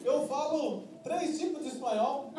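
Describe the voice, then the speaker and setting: A pastor from Minas Gerais preaching a sermon in a Minas Gerais accent, humorous and emphatic, telling stories. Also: male voice, very high-pitched, lively intonation, unhurried, over a noisy crowd, very noisy. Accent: Minas Gerais Brazilian Portuguese. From Minas Gerais, Brazil. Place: church hall before a congregation. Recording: echoey church hall, distant mic, music and congregation.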